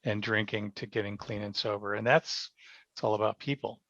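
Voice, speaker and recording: A gravelly-voiced man, a podcast guest who acts in amateur theater, talks thoughtfully and haltingly in a casual, reflective interview. His voice is lowish, steady and a bit bright, captured in a dry, dull lo-fi recording.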